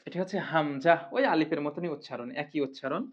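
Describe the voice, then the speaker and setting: A woman's voice: deep voice, fast. A woman teaching Quran reading in a recorded lesson, patiently repeating and drilling each sound. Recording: muffled lo-fi recording.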